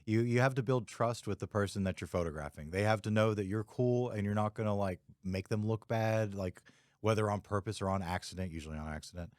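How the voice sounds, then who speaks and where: A man's voice: lowish voice, fairly quick, a little mellow, dry recording, clean studio sound. A man hosting a podcast, chatting casually in a laid-back, rambling way full of fillers. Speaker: podcast host, photographer. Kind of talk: casual chat.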